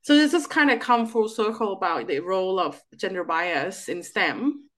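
A woman in her thirties, originally from Thailand, answering interview questions as a political scientist in a lively way with restarts. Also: mid-range voice, normal speed. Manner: animated, with restarts and fillers.

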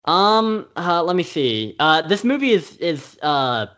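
A man's voice: on the high side, very animated, takes it slowly, a bit bright. A man co-hosting a film podcast, talking casually and rambling with many fillers and restarts. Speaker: podcast co-host. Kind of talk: casual film-review chat.

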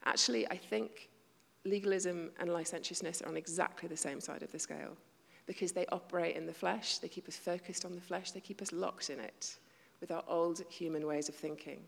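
With a fairly low, gravelly voice and fairly even intonation, a woman delivers a sermon a bit fast and with hardly any pauses. She speaks conversationally to her congregation, jokes at her own expense, and slips into near-whispered asides, all echoing with the long reverb of a large church hall.

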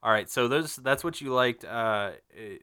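Here a male podcast host speaks at normal speed in a medium pitch, his tone sharp, clear and resonant. The casual gaming show finds him rambling and cursing, with frequent fillers and restarts, and he's a little nasal and sniffly because of a cold.

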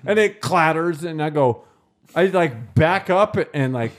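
A man telling a story on a casual podcast, animated and full of swearing. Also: fairly high pitch, a little slow, heavy background noise. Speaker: podcast co-host. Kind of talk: casual chat.

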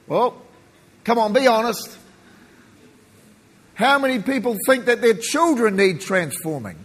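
Husky, high-pitched Kiwi-Australian male preacher in a hall. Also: expressive, measured pace, fairly bright tone. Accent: New Zealand softened by Australian. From New Zealand. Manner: emphatic, folksy, jokey asides. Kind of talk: sermon. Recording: echoey hall with long reverb.

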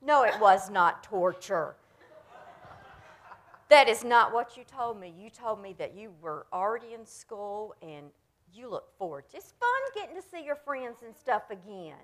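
Slow, gentle woman giving a children's sermon. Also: medium pitch, big pitch swings. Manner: gentle, coaxing, speaks plainly to children. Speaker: pastor leading a children's message.

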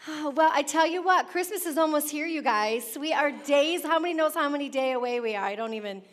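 A woman's voice: high voice, expressive, fairly quick. A woman pastor speaking to her congregation in a chatty, exclamatory way, informal and full of questions, with an echoey big-hall sound. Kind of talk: informal church sermon and announcements. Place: church sanctuary, speaking to congregation. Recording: echoey church sanctuary sound system.

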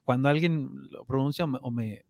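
A man with a Mexican accent, a guest in a casual interview, telling stories in a lively way and often repeating words as he thinks. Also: medium pitch, a little fast, no room sound. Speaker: guest, opera tenor.

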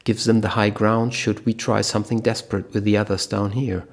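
A man's voice: on the low side, level tone, fairly quick. A man doing a tense female soldier.

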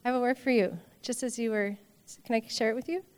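A woman in a church gently and earnestly sharing a prophetic word with someone. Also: a little high, fairly even intonation, quick pace, clean tone. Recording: reverberant hall, off-mic.

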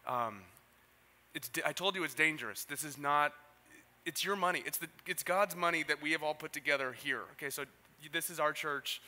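A man, a pastor, speaking conversationally to his congregation with gentle humor. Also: on the high side. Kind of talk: sermon and church announcements. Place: church hall. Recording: reverberant hall, faint ambience.

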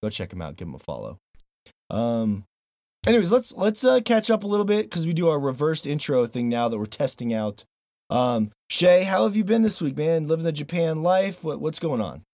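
With a voice on the high side and a normal pace, a man hosts a laid-back podcast in clean studio quality with no room sound. He's animated, swears a bit while chatting loosely, and reads a sponsor plug.

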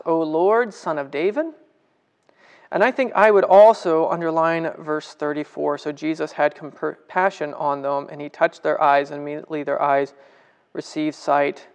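A man's voice: on the high side, creaky, clear, resonant tone. A man leading a casual livestream Bible study, chatting with viewers, greeting them by name and asking them questions.

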